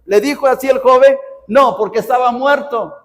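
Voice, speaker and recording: High-voiced Mexican pastor preaching in a hall. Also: male voice, moderate pace. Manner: preaching with emphatic rhetorical questions. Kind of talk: sermon. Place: church. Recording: reverberant church hall.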